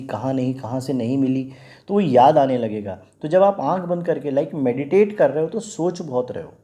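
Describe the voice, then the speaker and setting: Very dark-voiced Indian man teaching. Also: mid-range voice. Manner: patient, repeats and spells out words. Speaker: English vocabulary teacher. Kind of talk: explaining word meanings in Hindi with English terms.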